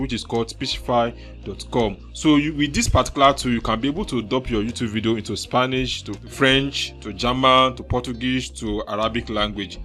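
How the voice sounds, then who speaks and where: Speaking at a medium pitch, a Nigerian-accented man walks viewers through software on a screen recording. He's talkative and keeps dropping in filler words like "so" and "actually."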